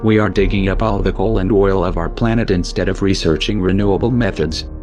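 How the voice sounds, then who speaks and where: A man speaking through a disguised deep voice, giving a grave, declamatory scripted manifesto narration. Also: fairly quick, darkish tone, faint music behind.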